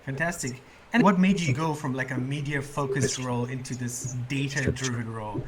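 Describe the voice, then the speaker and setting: A man's voice: medium pitch, normal speed, background noise. A man hosting a podcast, introducing his guest in a friendly, upbeat way before asking questions. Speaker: podcast host.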